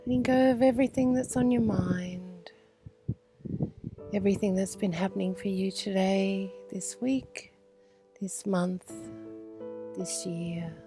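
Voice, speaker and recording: Woman, meditation guide, very slow soothing delivery, soft half-whispers, mid-pitched, music playing behind. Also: steady tone. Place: outdoor retreat under a pyramid structure. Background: instrumental music.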